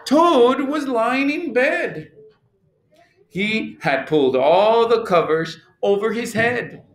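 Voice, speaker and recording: A man, a teacher, reading a children's picture book aloud with slow, animated storytelling. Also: very high-pitched. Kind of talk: expressive children's read-aloud. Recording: echoey room.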